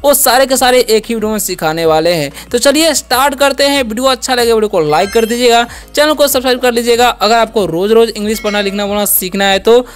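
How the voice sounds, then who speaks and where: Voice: mid-range voice, fast, few pauses, soft background music. Patient teacher drilling English words. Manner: patient, asks and answers own questions; repeats each word for drilling. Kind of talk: step-by-step spelling and pronunciation lesson.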